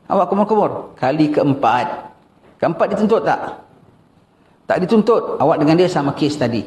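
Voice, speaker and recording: An older man with a Malaysian Malay accent giving a lively religious lecture, questioning his listeners. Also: fairly high pitch. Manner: animated, questions the audience, acts out askers. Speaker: religious teacher. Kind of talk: mosque lecture on fasting rules. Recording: echoey room.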